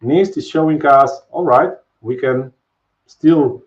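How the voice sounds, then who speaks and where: Taking his time at a medium pitch, a man in his thirties from Poland gives a live technical webinar from his home office via webcam. He speaks with a Polish accent, explaining casually with plenty of fillers and tag questions. Audio from the webcam video call is dull and lo-fi.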